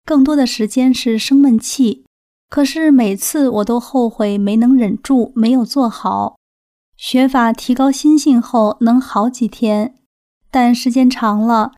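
A woman reading a first-person account aloud as scripted narration, calm and even. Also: on the high side. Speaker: reader.

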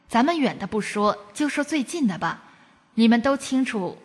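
A woman's voice: on the high side, slightly rough, big-room sound. A woman from China reading a first-person testimony aloud, in an earnest, preachy storytelling cadence.

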